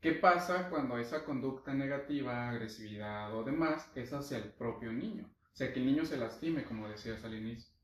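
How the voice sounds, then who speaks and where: A man's voice: mid-range voice, a little fast, hardly any pauses, fairly bright tone, a little hiss or hum. Distant roomy male interview host. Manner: brief acknowledgments, sums up the guest's points. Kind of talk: conversational interview. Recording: roomy, from off the mic.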